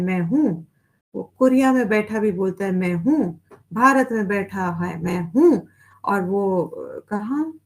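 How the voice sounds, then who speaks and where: A woman giving a spiritual lecture on Vedanta, explaining in Hindi mixed with English phrases and acting out quoted voices. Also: a little high. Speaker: Vedanta teacher.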